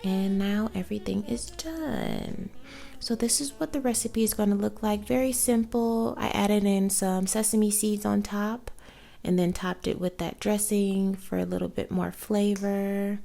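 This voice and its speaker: A young woman casually talking through a recipe step by step as she cooks, with a relaxed, easygoing manner. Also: medium pitch, measured pace, gravelly. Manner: relaxed step-by-step narration with fillers. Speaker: cooking vlogger. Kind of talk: casual cooking walkthrough.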